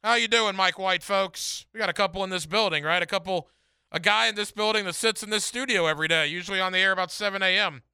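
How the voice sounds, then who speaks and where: Bright, high-pitched man doing radio contest promo. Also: racing, clear, resonant tone, no echo, clean studio sound. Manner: emphatic, repeats phrases, direct address to listeners. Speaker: sports radio host. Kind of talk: radio contest promo, announcing a ticket giveaway to callers. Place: radio studio.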